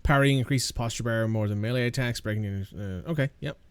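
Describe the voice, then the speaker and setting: A man's voice: medium pitch, fairly quick, clean tone, no room sound. Casual, swearing gaming commentator, man. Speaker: gaming channel host. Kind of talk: let's play commentary.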